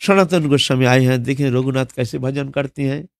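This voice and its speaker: A man preaching a devotional storytelling sermon in an unhurried way, often pausing with fillers. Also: mid-range voice, gravelly, no echo, clean studio sound. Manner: unhurried, with frequent fillers and restarts. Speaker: religious preacher.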